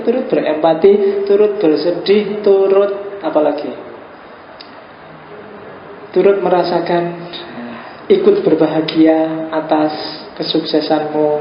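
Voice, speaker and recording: A man giving an informal philosophy lecture, joking and acting out little dialogues. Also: a little high. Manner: joking, acts out quoted dialogue. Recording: echoey room, dull lo-fi sound with faint hiss.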